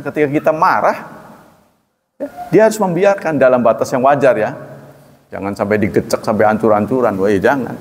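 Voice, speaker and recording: A middle-aged man preaching a conversational religious lecture, animated and full of rhetorical questions, often acting out little dialogues. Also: medium pitch, breathy edge, big-room sound. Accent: Indonesian. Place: mosque or lecture hall.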